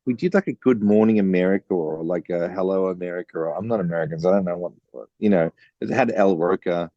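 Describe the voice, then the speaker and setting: A man with a bass baritone voice, chatting as a podcast guest and telling stories with lots of fillers. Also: quick pace, no echo, lo-fi sound. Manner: chatty, storytelling with many fillers. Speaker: guest songwriter. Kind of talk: casual interview chat.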